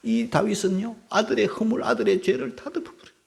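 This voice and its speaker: A male pastor delivers an emotional sermon in a high, gravelly voice. His pitch leaps and falls dramatically, swinging from cries to hushed whispers as he seeks the congregation's assent. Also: animated, a little fast.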